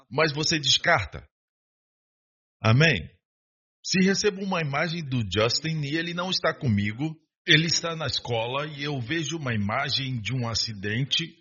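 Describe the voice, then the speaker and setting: A male preacher delivers a sermon, asking rhetorical questions and calling for an amen. His voice sits a little high and sounds forceful and bright, with a husky edge. The recording is dull and lo-fi.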